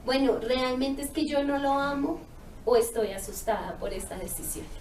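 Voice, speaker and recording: A woman's voice: high voice, moderate pace. A woman giving a heartfelt personal testimony, telling her story earnestly and acting out the dialogue. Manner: earnest, emotional storytelling with lively quoted dialogue. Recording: echoey room, mic far off, faint noise.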